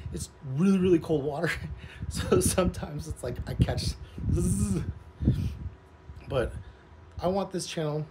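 A man in his forties with a mid-to-low everyday pitch talks to camera like a vlogger. He rambles informally from one thought to the next. The recording is made outdoors, with clear ambient noise around the voice. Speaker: vlogger, social media content creator. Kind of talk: casual vlog chat to camera. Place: outdoors, in a pool.

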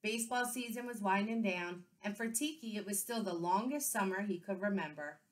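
Expressive woman reading a picture book. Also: medium pitch, a little fast. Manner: clear, expressive storytelling. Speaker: second-grade teacher. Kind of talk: children's book read-aloud.

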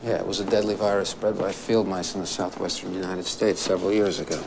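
A man's voice: low-pitched, level tone, fast, creaky. An actor playing a male federal agent who asks terse, probing questions, heard from a worn VHS tape copy. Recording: hissy worn videotape copy.

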